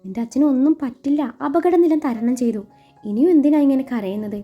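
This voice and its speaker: A woman voicing a caring young man who speaks softly and reassuringly in a read-aloud story. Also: high voice, lively intonation, a little fast. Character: tender teasing young man, protective. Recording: muffled recording with soft music.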